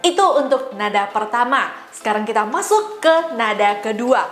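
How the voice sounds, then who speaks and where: A woman teaching a language lesson, demonstrating sounds and tones slowly and carefully. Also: on the high side, expressive, roomy sound, faint music behind. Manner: slow, careful, exaggerated tone demonstrations. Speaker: Mandarin teacher.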